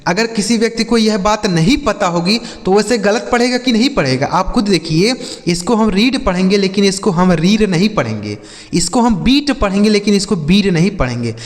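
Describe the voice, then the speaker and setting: A man teaching a spoken lesson, spelling letters out slowly and repeating questions to the viewers before answering them. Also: high voice, big-room sound. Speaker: English teacher.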